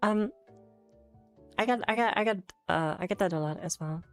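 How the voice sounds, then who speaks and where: A young Polish woman, a VTuber streamer, chats casually on a livestream and reads chat aloud, with an English accent blending American and British. Her mid-range voice moves at a moderate pace as she rambles and corrects herself, using frequent fillers and restarts and laughing easily. Faint music plays behind her.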